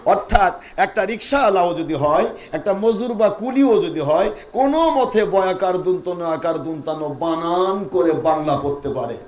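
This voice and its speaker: High-voiced man preaching a fiery sermon. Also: animated, normal speed, hardly any pauses, darkish tone. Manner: call-and-response with audience, scolding and rhetorical questions. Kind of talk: Bengali waz sermon.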